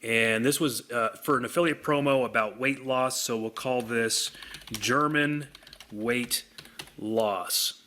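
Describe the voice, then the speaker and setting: A man hosting a software demonstration, walking through it in an upbeat sales manner. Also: medium pitch, slow pace, slight background noise. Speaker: software demo host. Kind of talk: product demonstration.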